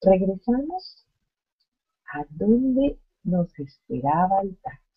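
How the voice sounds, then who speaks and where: A woman teaching a grammar lesson at a slow, careful pace. Her voice is soft and breathy. The audio is dull and lo-fi. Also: mid-range voice, big pitch swings. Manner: slow, deliberate explaining with spoken examples. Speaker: Spanish teacher.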